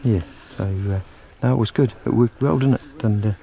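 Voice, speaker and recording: A man's voice: on the low side, moderate pace, vocal fry, dark tone, lo-fi sound, slight background noise. A man chatting casually outdoors. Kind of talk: casual chat. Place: outdoors on a grassy hillside.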